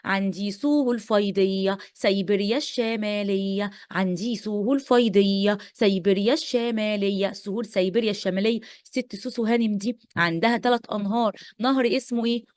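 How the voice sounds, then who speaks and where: A woman's voice: medium pitch, brisk, hardly any pauses, a little mellow, no echo, clean studio sound. A woman teacher with an Egyptian accent giving an exam-prep lesson, playful, repeating points and quizzing her pupils. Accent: Egyptian Arabic.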